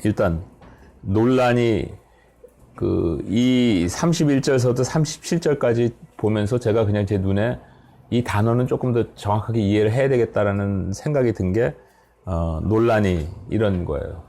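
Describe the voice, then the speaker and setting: A middle-aged man leads a Bible study seminar in an explanatory, conversational way. His voice is low and dark with a gravelly edge, and he often checks whether listeners follow him. He breaks off words and corrects himself as he talks. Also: normal speed. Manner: explanatory, checks in with the audience, self-corrects mid-word.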